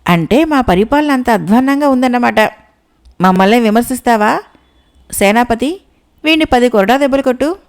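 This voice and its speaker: A woman's voice: on the high side, lively intonation, moderate pace, pauses often, clear, resonant tone. A woman voicing a foolish, whimsical, short-tempered male king who gives bossy commands in a storybook. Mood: angry.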